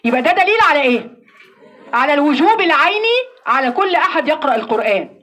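Egyptian woman, recitation teacher, high voice, quick classroom delivery, asks and answers herself. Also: big pitch swings, fairly bright tone. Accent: Egyptian Arabic. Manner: explains with questions she answers herself; demonstrates recitation slowly. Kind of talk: classroom lesson.

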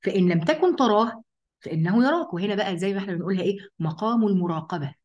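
A woman with an Egyptian accent leads a Quran study lesson at a brisk clip. She keeps her listeners engaged by posing questions and answering them herself, addressing her female audience directly. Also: mid-range voice, dull audio. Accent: Egyptian Arabic. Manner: lively, asks and answers her own questions. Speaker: religious teacher.

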